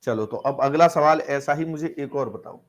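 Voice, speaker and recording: A male maths teacher running a live online class, in a voice pitched a little above the usual for a man. He walks through each step, asks the students questions he then answers himself, and keeps nudging them to type their replies. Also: normal speed. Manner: coaxing, keeps calling students brother and asking them to reply; explains step by step with rhetorical questions.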